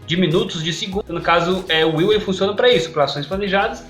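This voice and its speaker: A man's voice: high-pitched, quick pace, fairly bright tone, faint music behind. A man giving an online English lesson, who keeps checking in with "ok?" and "perfeito?". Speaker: English teacher.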